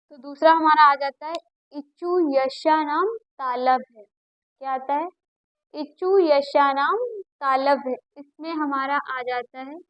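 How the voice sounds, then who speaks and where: High-voiced, slow, patient woman teacher. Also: dry recording, dull audio. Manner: patient, repeats sounds aloud for students to copy. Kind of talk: classroom lesson on Hindi phonetics.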